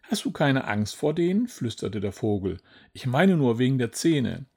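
A man's voice: mid-range voice, lively intonation, unhurried, vocal fry, mellow, breathy edge, exaggerated voice. A man voicing a small, whiny, nervous male bird in a storybook reading.

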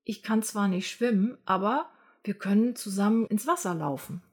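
Woman voicing a gentle, sad giant beast. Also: medium pitch, normal speed, breathy edge, close to an everyday voice. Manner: soft and sad. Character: huge, gentle, lonely male beast. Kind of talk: storybook read-aloud.

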